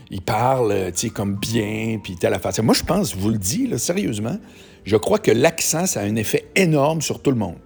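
A man's voice: mid-range voice, creaky, husky. A man with a Québécois French accent, a comedian chatting casually with many fillers and asides. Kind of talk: casual conversational monologue.

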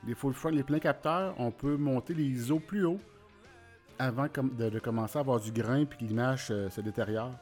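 A man's voice: mid-range voice, darkish tone, faint music behind. A man with a Quebec French accent hosting a casual solo podcast, hesitant and informal, speaking while recovering from wisdom teeth surgery. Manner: hesitant, informal, pausing often to search for words. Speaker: podcast host.

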